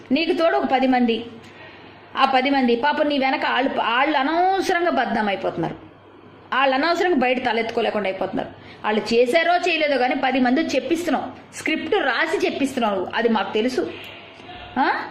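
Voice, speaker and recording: A woman delivering an angry, confrontational rant at a rival, firing off rhetorical questions and scolding. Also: high-pitched. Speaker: video commentator. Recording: roomy echo.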